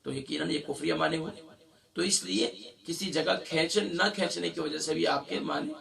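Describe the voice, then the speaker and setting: A man teaching a Quran recitation lesson in a strongly gravelly, bright voice, a bit higher than most men. He has a sore throat and slowly stretches out each syllable as he recites, then explains quickly. He sounds a little distant from the mic. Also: steady tone.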